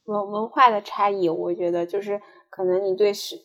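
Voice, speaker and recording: A woman's voice: mid-range voice, fairly even intonation, a little fast, fairly bright tone, dull audio. A woman with a transport background, explaining her ideas in a casual panel chat, thinking aloud with many fillers and restarts. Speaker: podcast guest, transport specialist.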